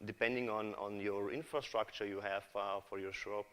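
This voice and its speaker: A man's voice: on the low side, fairly even intonation, normal speed, fairly bright tone. A man from Kazakhstan giving a conference talk as a developer, hesitant, with many fillers and restarts, in a large hall. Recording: reverberant hall.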